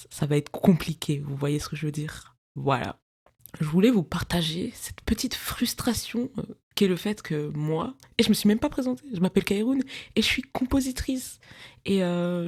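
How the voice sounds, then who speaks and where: A woman's voice: on the low side, darkish tone. A woman in her twenties from France, hosting her own podcast from her bedroom in casual, digressive chat full of slang and laughter. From France, of Cameroonian parents. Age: 20s. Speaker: podcast host.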